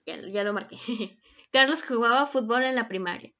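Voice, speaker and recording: A woman's voice: a little high, moderate pace, fairly bright tone. A young woman teaching a grammar lesson, patient and checking in often with her students. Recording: dull lo-fi recording.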